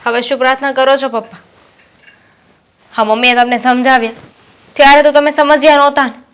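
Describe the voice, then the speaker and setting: A woman acting as a young student daughter, resentful and determined, with a high voice. She scolds her father in firm, steady reproach. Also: a little fast, clean tone. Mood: reproachful. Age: young adult. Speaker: daughter studying to be a pilot. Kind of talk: Gujarati short-film acting.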